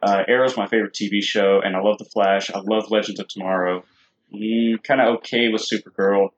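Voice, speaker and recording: A man's voice: on the low side, fairly even intonation, a little fast. A man co-hosting a casual podcast, talking eagerly about shows he follows. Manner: eager, enthusiastic fan talk. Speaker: podcast co-host. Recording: dull lo-fi podcast audio.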